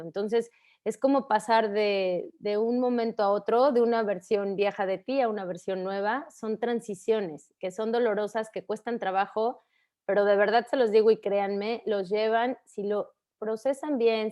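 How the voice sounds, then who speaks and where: A woman in her thirties with a Mexican Spanish accent, a counselor gently giving advice on grief and repeating phrases for emphasis. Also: mid-range voice, steady tone, normal speed. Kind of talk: warm explanatory advice talk.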